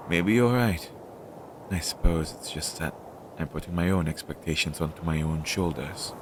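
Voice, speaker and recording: The nervous, reflective voice of a devoted but self-doubting magical familiar, performed by a man in a slow, low, hesitant delivery that halts and frets. Only his side of a scripted audio drama roleplay is heard. Background noise is clearly audible in the low-fidelity recording.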